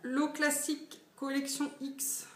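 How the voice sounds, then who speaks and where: A woman's voice: high voice, level tone, takes it slowly. Chatty young woman in an echoey room. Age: 20s. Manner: chatty, many fillers. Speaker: beauty vlogger. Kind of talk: casual haul video. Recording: echoey room, faint noise.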